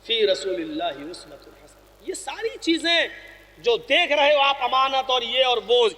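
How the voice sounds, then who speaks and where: A man's voice: extremely high pitch, animated, pushed and bright. A man preaching a sermon as storytelling, impassioned and emphatic, repeating phrases for weight. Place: large hall at a school function. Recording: reverberant hall with PA.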